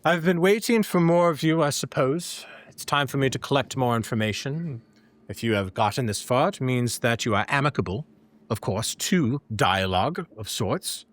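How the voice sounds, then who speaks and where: A man voicing a magical scholarly young gentleman in a door, formal, courteous and smug, in tabletop role-play. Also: mid-range voice, animated, normal speed, natural voice. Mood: courteous, expectant.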